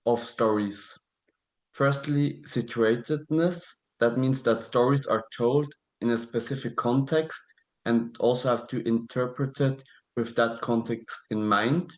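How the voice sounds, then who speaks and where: A man's voice: mid-range voice, poor audio. A man in his twenties from Switzerland, reading a prepared webinar talk carefully over a video call. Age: 20s. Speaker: presenter.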